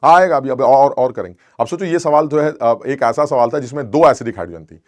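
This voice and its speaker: A man at an ordinary mid pitch teaches a chemistry lesson online, tossing rhetorical questions at his students. He slips in and out of playful student and teacher voices as he explains. The recording is close and dry, with no room sound. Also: lively intonation, a little fast, dry recording. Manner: switches between teacher and student voices in dialogue.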